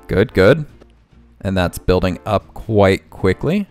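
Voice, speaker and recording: A man speaks slowly in a low, slightly mellow voice that stays animated. As host of a let's play, he narrates casually, working through his thoughts and correcting himself, with the game's music quietly underneath.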